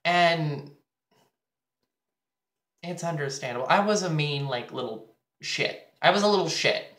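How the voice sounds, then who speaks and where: A teenage boy talks to his camera in an echoey room while he gets ready. He's candid, crude and rambling, full of fillers. His voice is bright, and he speaks slowly. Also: on the high side, expressive. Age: teens. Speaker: vlogger. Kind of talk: casual vlog while getting ready.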